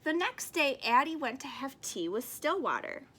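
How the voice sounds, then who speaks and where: Lady reading a kids book out loud, expressive, up and down pitch, some background noise. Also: normal speed. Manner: expressive storytelling. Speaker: storybook reader. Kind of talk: children's picture book read-aloud.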